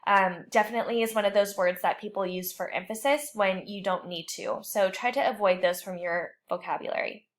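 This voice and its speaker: Woman teacher going over writing tips for her class, clear explainy tone, a bit jokey now and then. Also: medium pitch, fairly even intonation, fairly quick, few pauses. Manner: clear, explanatory, lightly joking. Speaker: writing instructor. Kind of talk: recorded online lecture.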